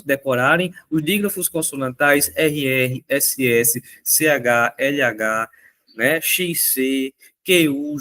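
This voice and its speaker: A man's voice: on the high side, a bit bright. A male teacher who talks through exam answers in a chatty way. He keeps checking in with his students and his voice rises and falls a lot. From Brazil. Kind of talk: recorded exam answer walkthrough.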